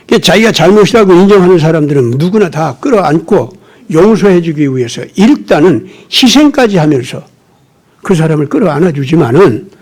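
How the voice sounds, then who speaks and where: A middle-aged man preaching with a notably high voice. He tells his sermon like a story, in a chatty way, and keeps asking rhetorical questions. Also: a little mellow, breathy edge. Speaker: pastor.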